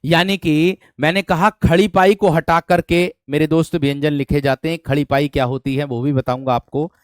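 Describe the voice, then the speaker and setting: A man's voice: fairly high pitch, fairly even intonation, normal speed, no echo. A male teacher running an online exam-prep class, calling students "my friend" and repeating questions to drill them. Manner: addresses students as "my friend", asks for thumbs up.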